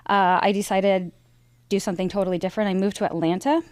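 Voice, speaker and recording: A woman in her forties, raised in Idaho, USA, is an aircraft sales director telling her career story as a guest in a conversational interview. She talks fast in a clear, resonant, medium-pitched voice with a steady tone, and the recording has no room sound. Her manner is chatty and rambling, full of fillers and restarts as she tells her story.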